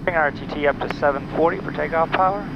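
His voice is fairly high, fairly even in intonation, fast and creaky: a man in his thirties working as a bush pilot in a small plane. Methodically, he talks through his checklists step by step on a headset and makes radio calls, the muffled audio set against engine noise.

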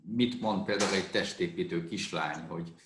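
Man, casual chat, wisecracking; low voice, roomy echoey recording. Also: fairly bright tone. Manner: quick joking wisecracks. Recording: roomy echo.

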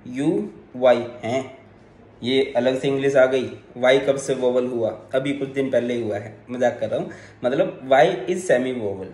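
A man's voice: medium pitch, warm tone, roomy sound. A man teaching a chemistry lecture online, explaining step by step, switching into English terms and joking with his students.

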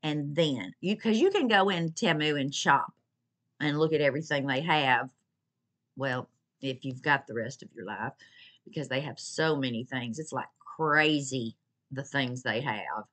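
Speaking at a measured pace, a woman with a rumbling low, slightly bright voice shows off her shopping haul to the camera. It's a casual, gushing, repetitive chat recorded at home alongside her pets.

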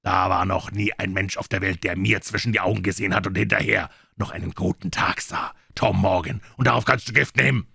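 Ein Mann spielt einen drohenden alten Piratenkoch. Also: male voice, low-pitched, steady tone, brisk, few pauses, sharp tone, dry recording, studio quality, heavily acted. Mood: menacing. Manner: gruff, threatening, bellowing. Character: menacing old one-legged pirate cook, male. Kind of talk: audiobook reading.

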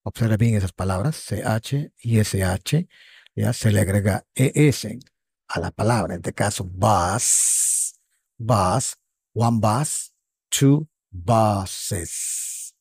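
Gravelly low-voiced man teaching slowly. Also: darkish tone, dry recording, clean studio sound. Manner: patient, repeats words and checks with frequent "¿sí?". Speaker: English teacher. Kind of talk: online lesson explaining grammar.

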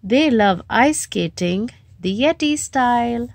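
A woman reads a picture book to little kids in a home bedroom, pausing to ask them questions as a storybook reader and story-time host. She speaks slowly in a fairly high, creaky voice with lively intonation.

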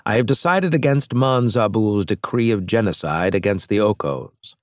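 A man voices a calculating male alien strategist for an audiobook, sounding cold, clipped, and condescending through a scratchy disguised voice that stays fairly close to his everyday one. His pitch is on the low side with lively intonation and a moderate pace, in a clean studio recording free of echo.

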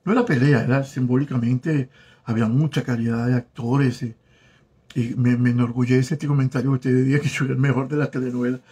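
A man in his forties, a former telenovela actor, chatting casually on a live stream, greeting viewers by name with warm, flirtatious charm. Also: mid-range voice, steady tone, breathy edge. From Venezuela. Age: 40s. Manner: warm, flirtatious, reads viewer names aloud haltingly. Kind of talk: casual live-stream chat reading comments. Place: home in South Florida.

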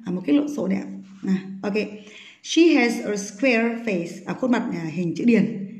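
A woman teaching an English vocabulary lesson. She reads English sentences slowly, explains them quickly and often asks her students check questions. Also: medium pitch, animated, a little mellow, reverberant.

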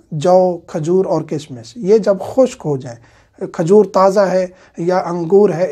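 A man teaching a religious lecture in a steady, explanatory way, with frequent filler sounds. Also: sits high.

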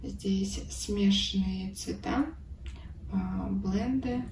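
Speaking very slowly in a mid-range, steady voice, this cross-stitch vlogger sits at a table at home showing her needlework and chatting away, a bit hoarse, sometimes whispering and laughing softly. The mic is at a distance in an echoey room with background noise.

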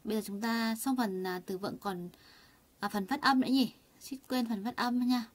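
A woman teaching a Korean lesson online, chatty and full of fillers, asking her students rhetorical questions and saying words slowly for them to repeat. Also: fairly high pitch, steady tone. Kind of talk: online lesson explaining vocabulary and grammar.

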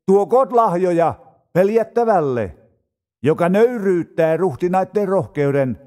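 A man reads psalms aloud with slow, solemn phrasing. His voice sits high for a man and moves over a wide, lively melodic range. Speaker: scripture reader.

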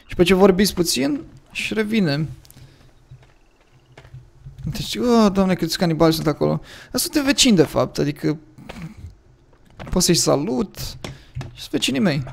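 A man with a Romanian accent chatting casually as he plays and thinks aloud, his voice a little hoarse from the early morning. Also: high voice, animated, pauses often. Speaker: gaming commentator. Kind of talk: casual gameplay commentary.

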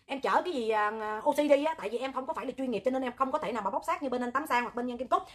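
A woman with a Southern Vietnamese accent hosting a livestream, talking loud, hot-tempered and animated, rambling with joking asides. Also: high voice, rapid-fire. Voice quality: loud, piercing voice. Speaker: livestream host, charity oxygen volunteer. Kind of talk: livestream talk to viewers.

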